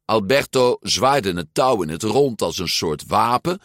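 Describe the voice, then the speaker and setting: A man reading a storybook aloud as narrator, expressive and unhurried. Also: lowish voice, dry recording, clean studio sound.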